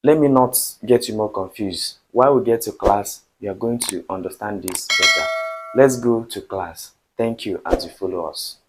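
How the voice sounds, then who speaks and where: A man from Nigeria teaching a beginner language lesson, speaking slowly and repeating each word for practice. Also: fairly low pitch, background noise.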